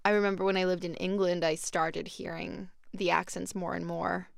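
Swedish woman musician, gravelly but smooth voice, chatty and keen, dry room. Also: fairly low pitch, little pitch movement, normal speed, no echo. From Sweden. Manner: chatty, enthusiastic. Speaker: musician guest. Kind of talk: casual interview chat.

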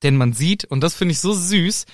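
A man's voice: fairly high pitch, normal speed, dry recording, studio quality. A man co-hosting a podcast, retelling a book chapter in casual, jokey chat. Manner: animated, jokey. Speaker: podcast co-host.

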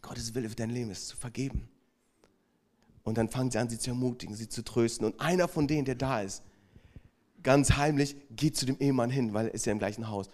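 A man preaching a sermon and retelling a story, emphatic, swinging from loud stresses to hushed passages, with chatty asides to the congregation. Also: medium pitch, quick pace. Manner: conversational asides to the audience. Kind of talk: sermon with retold anecdote.

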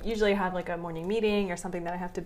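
A woman's voice: on the low side, steady tone, a little mellow. A woman in her thirties co-hosting a parenting podcast, chatting casually and laughing often. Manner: laughs often, quick back-channel replies. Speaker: podcast co-host. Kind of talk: casual chat.

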